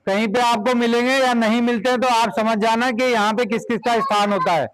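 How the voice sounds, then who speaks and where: High-voiced male teacher directing a class. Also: steady tone, fairly quick, a bit bright, clear, resonant tone, dry recording, poor audio. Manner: directive, repeats short commands. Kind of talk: classroom instruction to children.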